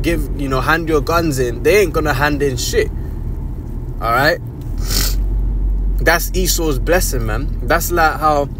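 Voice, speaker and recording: Blunt man over traffic noise. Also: medium pitch. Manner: blunt, profane, street slang, repeats "man". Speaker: scripture commentator. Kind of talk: casual scripture commentary.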